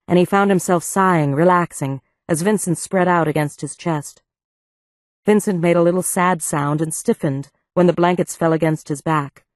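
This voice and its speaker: Low-voiced woman narrating an audiobook. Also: a little mellow, dry recording, studio quality. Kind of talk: scripted narration.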